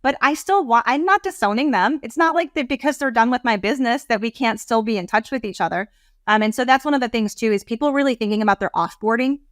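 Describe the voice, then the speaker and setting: A woman business coach talking as a podcast guest, animated, rambling and heartfelt. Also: on the high side, fast talker, no echo, clean studio sound. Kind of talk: casual interview talk.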